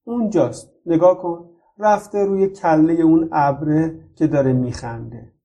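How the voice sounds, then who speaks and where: A man's voice: on the high side, lo-fi sound, natural voice. A man reading the part of a shy young boy from next door in a storybook. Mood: upset. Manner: bashful, soft-spoken. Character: shy young boy neighbor, sad then friendly.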